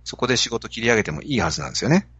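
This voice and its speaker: A man's voice: mid-range voice, sing-song, very fast, fairly bright tone, breathy edge, dry recording, lo-fi sound. A man with a Kansai accent, hosting a podcast and telling a story to explain a business idea. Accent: Kansai Japanese. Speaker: podcast host. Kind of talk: casual podcast talk.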